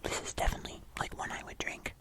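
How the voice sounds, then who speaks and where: The voice is a soft, fully whispered ASMR delivery, airy and unvoiced throughout. The host talks casually and a little hesitantly, as if chatting through a tasting video. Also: fast. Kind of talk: whispered ASMR taste-test vlog.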